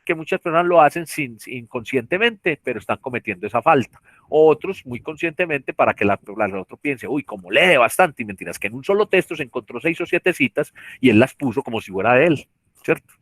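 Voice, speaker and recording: A Colombian man teaches a class online, talking through rules at a measured pace. He often restarts his sentences and keeps asking whether the students follow. His voice sits in a middle range, and the sound is dry and close to the mic. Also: mid-range voice, animated, a bit bright, no echo. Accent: Colombian Spanish. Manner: explanatory, repeats tag questions, frequent restarts. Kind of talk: virtual class lecture. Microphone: computer mic on a video call.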